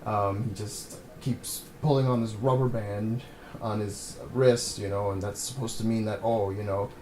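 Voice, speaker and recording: A man's voice: on the low side, fairly even intonation, measured pace, darkish tone. A man hosting a casual movie review vlog, blunt and rambling with lots of "you know". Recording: echoey room, faint hum.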